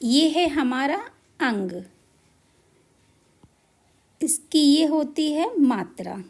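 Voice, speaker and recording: A woman with a high voice and a gravelly edge teaches a lesson on letter marks. She goes very slowly, sounding out every syllable with deliberate care. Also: expressive, darkish tone. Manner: slow, deliberate spelling out of syllables. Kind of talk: Hindi matra lesson.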